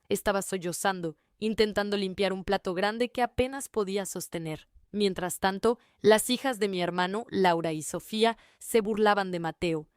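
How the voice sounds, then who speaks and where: A woman reading a first-person family story in an even, measured way. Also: medium pitch, smooth, no room sound, clean studio sound. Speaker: narrator.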